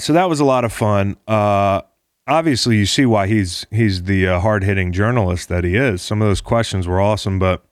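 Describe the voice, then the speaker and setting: A man's voice: fairly low pitch, no echo, clean studio sound. A man hosting a podcast, talking casually in a rambling, encouraging way. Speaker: podcast host.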